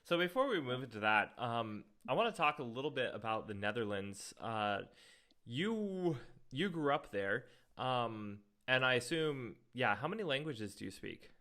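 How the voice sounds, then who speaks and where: A man's voice: medium pitch, very animated, moderate pace, bright, forceful tone. A man hosting a podcast, chatting with enthusiasm and plenty of fillers. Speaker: podcast host. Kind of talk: casual podcast chat.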